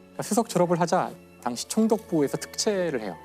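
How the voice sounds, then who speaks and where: A man in his fifties, a physics professor on a TV talk show, telling a story in a lecture style and slowing down for dramatic emphasis. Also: on the high side, very animated, darkish tone, soft background music. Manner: enthusiastic, slows down for dramatic emphasis. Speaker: physics professor guest speaker.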